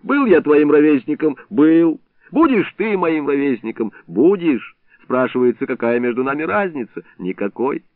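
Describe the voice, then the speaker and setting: A man voicing a gruff, hot-tempered old male hunter who scolds and curses, recorded dry with a narrow, phone-like sound. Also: on the high side, big pitch swings, normal speed, no echo. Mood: jovial boasting. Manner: scolding, cursing, bantering.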